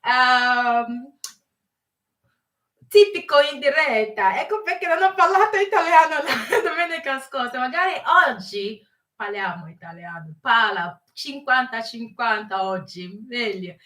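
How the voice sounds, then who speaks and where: A woman hosting a casual live chat with viewers, mixing English and Italian and often pausing to search for words. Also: on the high side, animated, sharp tone, reverberant, far from the mic. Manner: mixes English and Italian while greeting viewers. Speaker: live stream host.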